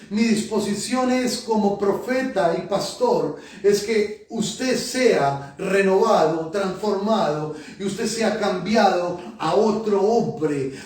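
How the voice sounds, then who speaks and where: A man, pastor and prophet, preaching and praying fervently, repeating Señor and Padre between phrases. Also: sits high. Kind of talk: sermon and spoken prayer. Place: church sanctuary. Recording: echoey church hall from a distance. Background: soft music.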